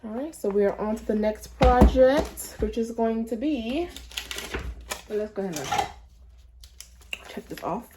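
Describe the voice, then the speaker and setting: At home, a woman makes custom shirts for a casual crafting vlog, chatting to herself and her viewers as she works. Her voice is fairly high and expressive, at a measured pace with frequent pauses. Heavy background noise fills the recording.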